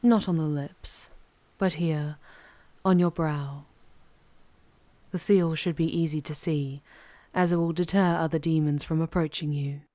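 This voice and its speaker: Here a woman voices an ancient demoness full of pride, her delivery low, velvety, and dark. Each formal, deliberate line mixes charm and teasing with command, her tone remaining steady. The scripted ASMR roleplay drama is recorded intimately and very dry.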